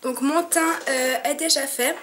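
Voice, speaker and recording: At a pace that's measured, her high, slightly bright voice guides viewers through a chatty makeup tutorial. She's a young beauty vlogger at home in front of a mirror, sniffling from a cold and using many fillers.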